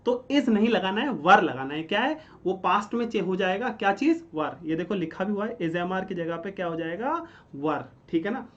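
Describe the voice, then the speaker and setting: A man's voice: high-pitched, expressive, normal speed, muffled recording. A man teaching English grammar, asking a question and then answering it himself. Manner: explains step by step, asks and answers his own questions; keeps checking in with "ठीक है?". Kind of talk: classroom-style grammar lesson.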